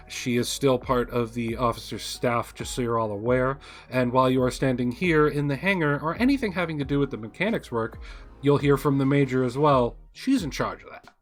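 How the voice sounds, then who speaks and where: A man playing a courteous male officer, second in command, briefing his new pilots. He speaks at an even middle pitch with a bright edge and many small hesitations. Faint music sits behind him. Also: natural voice. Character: polite male first lieutenant, second in command.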